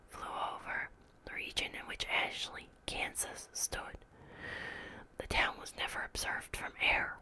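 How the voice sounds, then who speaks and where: In whispered ASMR, a woman narrates a horror tale, her hushed delivery creeping and measured like an official report.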